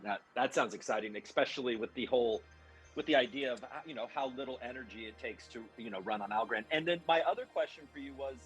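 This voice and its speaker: A man's voice: medium pitch, fast, soft background music, low-quality recording. A man moderating an online panel discussion, asking polite, hesitant questions full of fillers.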